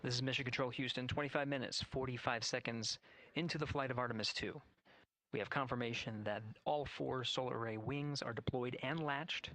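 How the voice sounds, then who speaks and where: A man giving measured, factual live spaceflight commentary as a mission control announcer. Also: medium pitch, steady tone, pushed and bright, dry recording.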